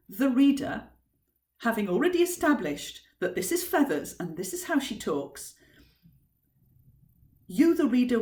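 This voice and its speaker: A woman's voice: fairly high pitch, darkish tone. A woman author giving an informal teaching talk on writing, thoughtful and emphatic as she explains. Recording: roomy echo.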